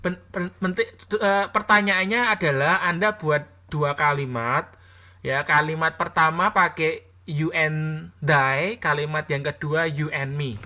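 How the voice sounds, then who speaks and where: A woman teaching an English class, chatty and quick to correct students, often stopping and restarting mid-sentence. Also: deep voice, fairly even intonation, sharp tone.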